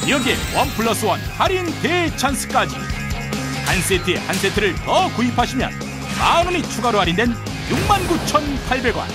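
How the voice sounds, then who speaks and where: A woman's voice: a little high, big pitch swings, normal speed. A woman narrating a scripted hard-sell advertisement with punchy, emphatic slogans. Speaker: advertisement announcer. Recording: voice-over with loud music behind.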